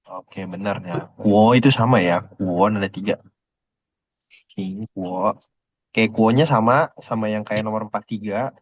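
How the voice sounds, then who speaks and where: A man's voice: on the low side, normal speed, no room sound. Man teaching in a dry, dull recording. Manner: relaxed, checks on students with short questions. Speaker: Mandarin teacher. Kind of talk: casual classroom teaching. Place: classroom.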